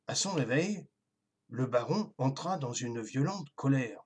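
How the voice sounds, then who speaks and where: Husky children's story narrator. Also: mid-range voice, expressive, a little slow, a little mellow.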